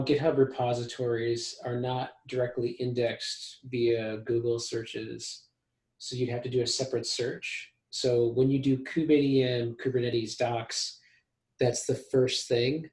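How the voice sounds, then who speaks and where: A man's voice: medium pitch, darkish tone. A man leading a technical meeting over a video call, talking casually with a dry, sarcastic humor. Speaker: meeting lead. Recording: roomy video call audio.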